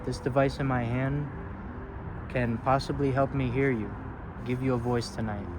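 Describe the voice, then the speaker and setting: A man's voice: mid-range voice, steady tone, moderate pace. A man hosting a paranormal investigation, speaking casually and coaxingly as he addresses spirits and explains what he is doing. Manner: polite, coaxing, addresses the unseen directly. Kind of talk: casual narration and gentle questions to spirits. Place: outdoors at a roadside parking lot grave site. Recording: clear outdoor traffic and ambient noise.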